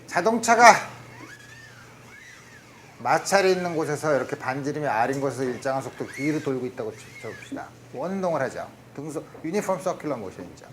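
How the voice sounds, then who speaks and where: A man's voice: mid-range voice, sing-song, a little fast, a bit bright, a little hiss or hum. A male physics lecturer talking through problems step by step at a university lecture and checking in with the class. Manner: explains step by step, often asking "그죠?" and mixing in English physics terms.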